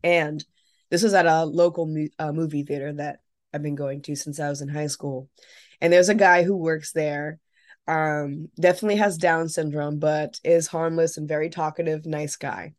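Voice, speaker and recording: A young adult woman co-hosting a podcast, telling an animated, casual story with some swearing. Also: low voice, moderate pace. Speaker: podcast co-host. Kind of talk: casual chat.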